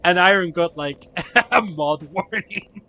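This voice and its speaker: Speaking slowly in a high-pitched, pushed and bright voice, a young man streams a game, chatting casually, laughing, swearing often, and telling rambling stories as he plays.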